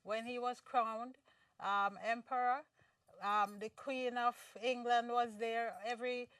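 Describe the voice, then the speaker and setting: A woman's voice: a little high, level tone, slow pace, a bit bright, clean tone, no echo. A Jamaican-born woman, a guest in a conversational interview, explaining earnestly with frequent restarts. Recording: distant mic, dry sound.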